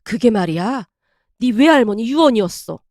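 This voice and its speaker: A woman voicing a middle-aged mother who confides in a hushed, lower tone. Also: lively intonation, normal speed, dry recording, clean studio sound.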